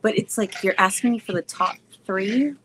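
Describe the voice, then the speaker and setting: Woman vlogger, casual chat to viewers, giggly and goofy, mid-pitched voice, faint hiss in the background. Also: normal speed. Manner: giggly and goofy, laughs often; chatty with many fillers. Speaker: wrestler vlogger answering fan questions.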